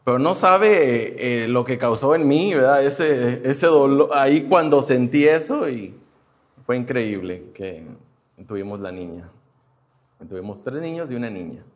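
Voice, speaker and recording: In his thirties and from Houston, United States, this churchgoer shares his faith testimony casually and hesitantly, full of fillers and restarts. His mid-range voice has lively intonation and an unhurried pace, though the audio sounds dull.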